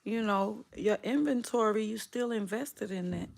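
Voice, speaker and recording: A woman's voice: mid-range voice, unhurried, gravelly, a little mellow. A middle-aged woman, chatting casually with viewers on a livestream, teasing and laughing often. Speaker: livestream host.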